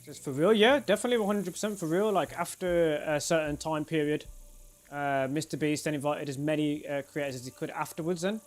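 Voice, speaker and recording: Man in his thirties, slightly high voice, easy chatty streamer talking to viewers on a desk mic. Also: brisk, faint music behind. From England. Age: 30s. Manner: chatty, laughs often, answers viewers. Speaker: game streamer. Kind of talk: casual live-stream chat. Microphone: desk microphone.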